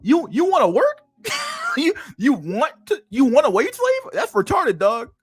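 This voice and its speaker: A man's voice: very high-pitched, wildly swooping pitch, measured pace, husky, no echo, soft background music. A man in his thirties reading an article aloud on a stream, then breaking off into crude, mocking rants with frequent laughter. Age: 30s. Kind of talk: casual livestream commentary.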